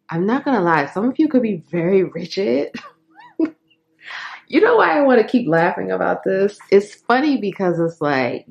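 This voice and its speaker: A woman's voice: lowish voice, darkish tone, muffled recording. A woman giving a casual tarot reading, chatty and frank, laughing often and leaning on fillers. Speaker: tarot reader.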